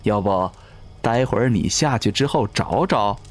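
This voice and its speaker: A man voicing a cruel, gloating undying seducer in an audio drama, speaking in a slow, sneering, mocking way. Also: lowish voice, animated. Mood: taunting. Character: ageless male river-god servant, cruel gloating seducer.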